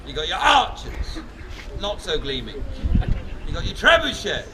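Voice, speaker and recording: A man's voice: high-pitched, huge pitch swings, measured pace, recorded from a distance. An Englishman presenting a live comic castle show outdoors, projecting theatrically without a microphone. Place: outdoors at a castle before a crowd. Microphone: no microphone, recorded from the audience. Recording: loud crowd and outdoor noise.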